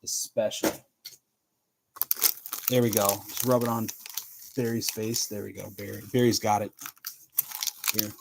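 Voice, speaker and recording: A man's voice: fairly low pitch, flat delivery, normal speed, gravelly, pauses often, heavy background noise. A man hosting a live card break, chatting casually, calling out players and laughing often. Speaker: card breaker livestream host.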